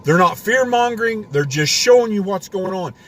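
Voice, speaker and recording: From inside a parked car, a man hosts a homesteading live stream, ranting casually and rambling with restarts. His voice is high, expressive and at a normal speed, though it's getting worn.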